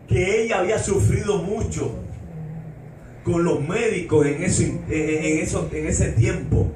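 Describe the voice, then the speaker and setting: A high-pitched man preaches slowly and fervently, breaking in again and again with hallelujahs and acting out the cries of the people in the story. His voice rings through an echoey church hall, picked up from some distance, with a faint hum of the room behind him. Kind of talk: sermon.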